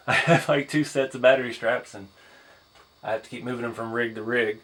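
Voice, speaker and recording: A tired man who is losing his voice, hosting a casual one-take haul vlog in an easygoing, rambling way with frequent pauses and "uh"s. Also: mid-range voice, steady tone, a bit bright. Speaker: hobby channel host.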